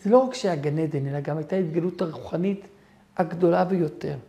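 Rabbi guy telling stories in his torah lesson, mellow low-key tone, punches the big lines. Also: vocal fry. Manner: storytelling with emphatic rises, acting out quoted voices.

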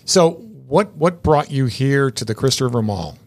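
A man's voice: medium pitch, expressive, moderate pace. A man hosting a casual interview, chatty and rambling, often repeating words as he starts a sentence. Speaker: interview show host.

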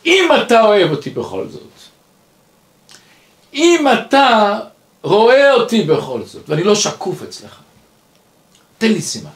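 A man's voice: high voice, huge pitch swings, pauses often, pitched above the performer's own voice, full character voice. A man voicing a distraught young male kibbutznik who pleads emotionally as he tells his story. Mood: pleading. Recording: roomy echo.

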